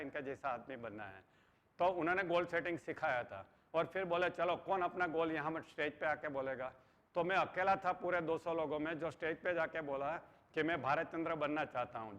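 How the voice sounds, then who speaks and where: A man's voice: on the high side, fairly bright tone. A middle-aged man giving an earnest motivational lecture, mixing English phrases into his talk. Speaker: motivational trainer. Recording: dull sound with long hall reverb.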